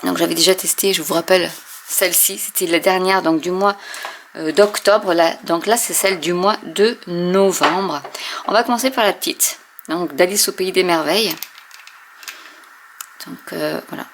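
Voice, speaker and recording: Woman, lower voice, casual demo, hesitant with fillers, trails off softly, faint room noise. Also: normal speed, vocal fry. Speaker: craft video host.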